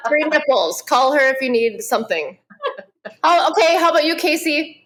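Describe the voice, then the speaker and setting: A woman's voice: high voice, lively intonation, slow, a bit bright. A woman co-hosting a podcast, introducing guests in a playful, teasing way. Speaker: podcast co-host.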